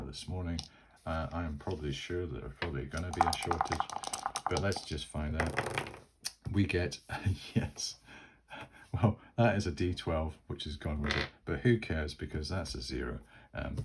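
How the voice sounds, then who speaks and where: A man's voice: low voice, heavy background noise. A Scottish man narrating a solo tabletop game, rambling and stopping often to restart his sentences. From Scotland. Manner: rambling, full of fillers and restarts. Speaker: solo game master and player.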